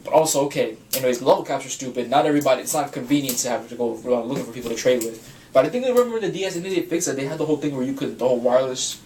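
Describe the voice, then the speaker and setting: A man's voice: medium pitch, expressive, very fast, darkish tone, slight background noise. A young man co-hosting a casual chat, rambling and restarting his sentences. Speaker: podcast co-host. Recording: echoey room, mic a bit distant.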